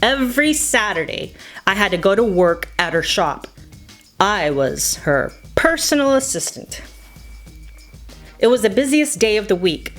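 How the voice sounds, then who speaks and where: Over music, an American woman tells nostalgic personal stories in scripted narration, her mid-range voice sing-song and a little slow. She's playful as she reminisces, slipping Spanish phrases into her storytelling.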